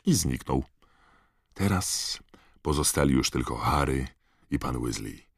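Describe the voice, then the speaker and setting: A man narrating an audiobook in expressive storytelling style. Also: a bass voice, measured pace, creaky, slightly rough, no room sound, clean studio sound. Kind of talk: scripted narration.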